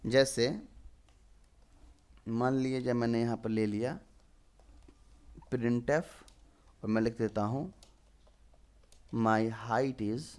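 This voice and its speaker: This programming tutor, a man in his twenties, has a mid-range, darkish voice and a steady tone, drawing out words and leaving long pauses. In his screen-recorded coding lesson he explains step by step and answers the questions he raises.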